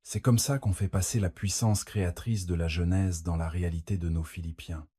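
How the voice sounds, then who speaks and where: A man's voice: sits low, steady tone, moderate pace, warm tone, husky, no room sound. A man preaching a fervent sermon as a pastor, speaking straight to the listener and breaking into exclamations of praise.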